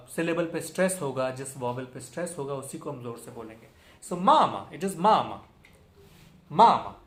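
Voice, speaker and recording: A young man teaching a language lesson, patiently explaining, repeating example words with strong stress and often checking in with listeners. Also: a little high. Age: young adult. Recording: echoey room.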